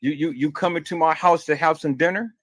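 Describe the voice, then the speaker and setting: Man ranting crudely in a rambling monologue, voice on the high side, dry and close. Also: brisk, fairly bright tone, no room sound. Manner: crude, rambling, repeats words.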